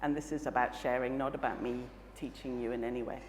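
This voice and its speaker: Her voice very deep, steady, and a touch mellow, a jet-lagged keynote speaker from Malawi talks fast through an earnest, reflective conference presentation, peppered with fillers and restarts. She has a mixed British and South African accent and stands on stage in a large hall. Echo, faint ambience, and slight background noise fill the recording.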